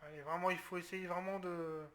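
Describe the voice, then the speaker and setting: A man's voice: high-pitched, little pitch movement, a little fast. A man from France commenting live on his football game, tense and talking through his tactics, with outbursts when things go wrong. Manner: tense, talks through his tactics, bursts into loud outcries. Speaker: gaming video creator.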